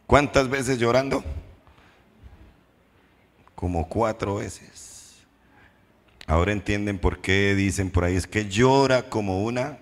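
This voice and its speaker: A man preaching a sermon as pastor, posing questions to the congregation and slowing down for emphatic repetitions. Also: lowish voice. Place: church hall. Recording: reverberant church hall.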